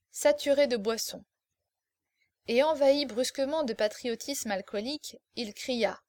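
A woman reads a classic story aloud in a measured, dramatic way. Her voice sits fairly high for a woman. The recording is dry, with no room sound. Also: darkish tone, dry recording. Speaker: narrator. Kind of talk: audiobook reading of classic fiction.

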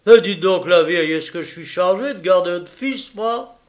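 A man's voice: high-pitched, animated, normal speed, voice pushed up. A bellowing furious army surgeon, as a man puts him on. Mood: contemptuous. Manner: bellowing, swearing.

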